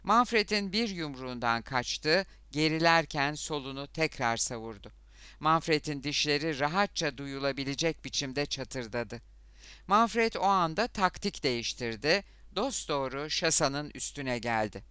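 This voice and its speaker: A man narrates an audiobook with a bright, smooth, resonant voice and steady dramatic delivery. He reads close to the mic in a dry studio, pushing his voice up when characters shout. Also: a little high, unhurried, no echo. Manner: steady dramatic reading, lifts voice for shouted quotes. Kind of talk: scripted narration.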